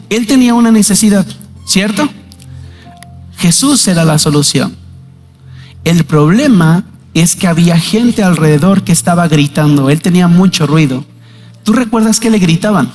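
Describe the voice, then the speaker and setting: A man with a Mexican Spanish accent preaching a sermon as pastor, with dramatic swings, loudly acting out voices in the story. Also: high-pitched. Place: church hall. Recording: reverberant church hall with faint music.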